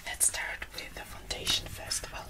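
Young woman, whispered role-play, breathy fast ASMR, brisk repetitive phrasing, slightly distant mic. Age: young adult. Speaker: ASMR performer playing a make-up artist. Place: small indoor room.

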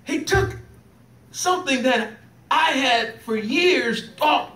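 A man with a strikingly high voice preaches a heartfelt testimony sermon, unhurried, his emotion rising and his laughter breaking through. The sound is distant and roomy, carried through a church sanctuary, with faint hiss underneath. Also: expressive, fairly bright tone. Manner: emotional, fervent, laughs while telling stories. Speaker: preacher giving a trial sermon. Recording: echoey church recorded from a distance. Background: congregation calling back responses.

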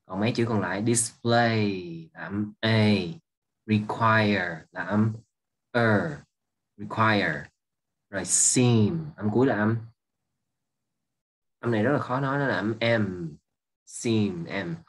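Male English teacher, slow and husky, repeats each word and checks that students follow. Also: on the low side, a bit bright. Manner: patient, repeating words and asking if students follow. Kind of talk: exam review lesson.

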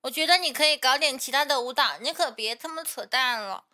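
Bright, high-voiced young woman, slightly impeded speech. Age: young adult. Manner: slow, halting speech for now. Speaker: livestreamer. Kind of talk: casual chat with live viewers. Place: small indoor streaming room. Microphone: close condenser mic on boom arm.

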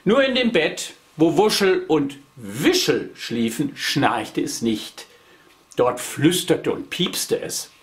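A man reads a children's story aloud at an unhurried pace, his voice a touch high and very expressive. He speaks directly to young listeners and invites them to join in. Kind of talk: reading a children's book aloud.

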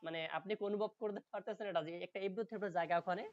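A man teaching linguistics in an online class. He explains patiently, reads English textbook lines slowly and checks often that students follow. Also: sits high, steady tone, muffled recording. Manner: explains patiently, checks understanding with frequent "okay?".

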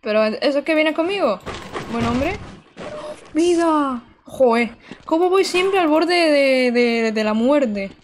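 A woman's voice: high voice, lively intonation, slow pace, a little hiss or hum. A young woman from Barcelona streaming a video game live, chatting with viewers in a casual, exclamatory, giggly way, speaking into a desk mic indoors. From Barcelona, Spain. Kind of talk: casual live-stream chat while gaming. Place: indoor room.

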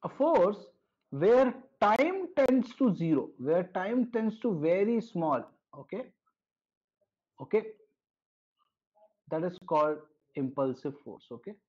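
A man with a North Indian accent teaches physics in a live online lesson over a video call, frequently checking understanding with short tag questions. His high, darkish voice is very animated but slow, with frequent pauses, and the class audio is dull and lo-fi.

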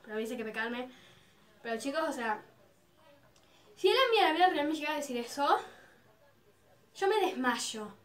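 A woman telling a giddy, animated story to her camera. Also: sits high, normal speed, long pauses. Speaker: vlogger. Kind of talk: storytime about a dream.

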